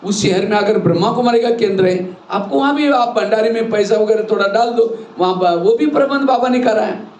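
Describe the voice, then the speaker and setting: Speaking briskly in a high, darkish voice, a man teaches a spiritual class in sermon form. Everyday examples and rhetorical questions carry his explanation of the rules, recorded in an echoey hall with faint background noise.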